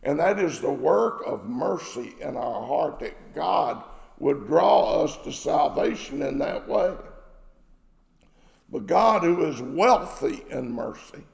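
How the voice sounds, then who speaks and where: Slow, gravelly man preaching in a hall. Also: on the high side, expressive, darkish tone. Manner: slow, emphatic preaching with rhetorical questions. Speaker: pastor. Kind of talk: sermon.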